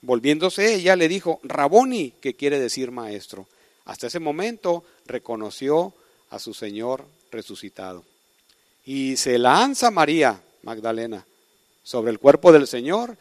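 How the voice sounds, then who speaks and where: A man preaching a sermon, emphatic, with sudden swings from soft to loud. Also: mid-range voice, sing-song, unhurried, no room sound.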